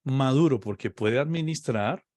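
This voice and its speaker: A man's voice: mid-range voice, animated, a little mellow, dry recording. A man teaching on faith in a conversation, explaining patiently and often checking "ok?" with his listener. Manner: slow, explaining, checks understanding with "¿ok?". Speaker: preacher.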